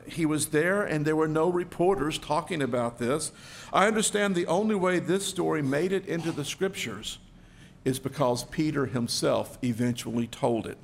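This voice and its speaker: Male pastor, storytelling sermon, slightly high voice, acts out quotes with big loud swings. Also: a little hiss or hum.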